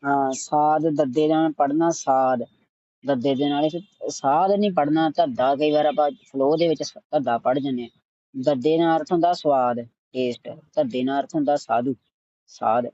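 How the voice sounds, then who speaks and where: A man teaching scripture recitation, patiently correcting pronunciation and repeating words slowly to demonstrate. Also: on the high side, fairly even intonation, mellow, no room sound, lo-fi sound.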